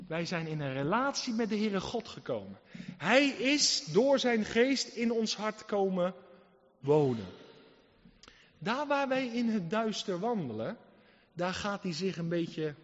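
Man, preacher, fairly high voice, emphatic sermon, rhetorical questions, loud and soft passages, long hall reverb. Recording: reverberant hall, dull lo-fi sound.

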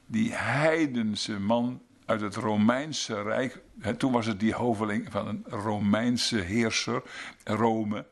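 A male preacher delivers an earnest sermon, hammering his points home by repeating phrases. His voice sits fairly low and has a gravelly, creaky edge. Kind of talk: sermon with closing prayer.

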